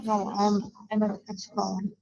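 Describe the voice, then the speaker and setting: A woman's voice: medium pitch, completely flat delivery, creaky, darkish tone, no echo. Muffled woman, as if speaking into a cup. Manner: halting and hesitant, with many fillers. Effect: muffled, as if talking into a cup. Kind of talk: live online call-in debate. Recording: muffled lo-fi live-stream mic.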